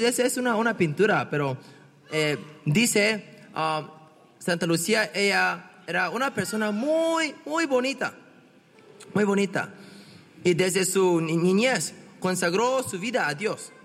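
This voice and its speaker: Male preacher, unhurried and chatty, questions the congregation; long hall reverb. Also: sits high, a bit bright. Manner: conversational, asks the congregation questions, many restarts. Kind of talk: bilingual sermon.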